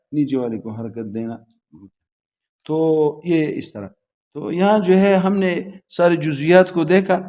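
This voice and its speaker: A man's voice: mid-range voice, warm tone. A male teacher giving a classroom lecture on logic at a religious school, quizzing his students and repeating their answers back to them in a patient, repetitive way.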